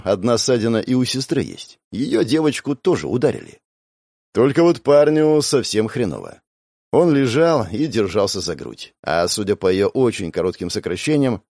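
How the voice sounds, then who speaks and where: A man narrating an audiobook in the first person, with expressive, wry storytelling. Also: fairly low pitch, no echo, studio quality. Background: faint background music.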